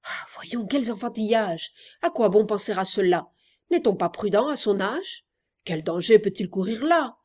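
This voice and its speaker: A woman's voice: medium pitch, expressive, moderate pace, a little mellow, close to an everyday voice. A woman voicing an impulsive seventeen-year-old girl who longs to elope, declaiming a theatrical verse monologue. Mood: eager.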